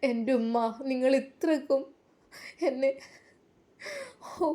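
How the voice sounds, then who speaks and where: Woman voicing a tearful young bride, soft and pleading. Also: sits high, slow pace, pitched above the performer's own voice.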